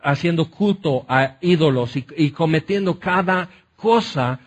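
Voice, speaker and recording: A man preaching a sermon, telling the story in a lively way that often slips into acted voices. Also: a little high, a little slow. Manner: animated storytelling, acts out voices. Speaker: pastor.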